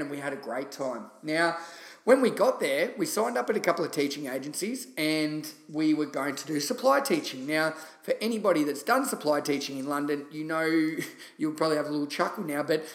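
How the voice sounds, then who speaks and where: An Australian man talks casually as a solo podcast host, chatty and enthusiastic. His voice is slightly high, and the recording has a clear roomy echo. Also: expressive, fairly quick. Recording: roomy, echoey sound.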